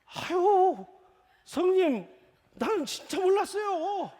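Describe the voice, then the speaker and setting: A man voicing a flustered younger king who pleads with his elder in a high, whiny voice. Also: sing-song, slow, mellow, exaggerated voice. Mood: pleading. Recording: echoey church hall.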